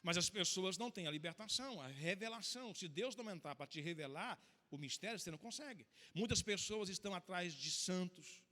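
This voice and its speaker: A man's voice: high-pitched, expressive. A Brazilian pastor preaching a sermon, telling his own story with emotional, emphatic swings in volume. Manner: emotional storytelling preacher, rising to loud, slow emphatic lines. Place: church hall. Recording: long church-hall reverb.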